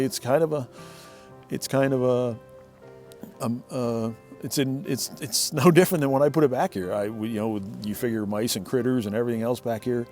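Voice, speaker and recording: A man's voice: medium pitch, darkish tone. A middle-aged man telling a casual, rambling story from his shed workshop, often restarting and repeating words. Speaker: motorcycle owner telling a story.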